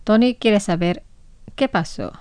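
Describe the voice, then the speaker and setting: A woman presenting a scripted radio language lesson, formal and clear, saying each word twice for listeners to repeat. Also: mid-range voice, a little slow, a little mellow.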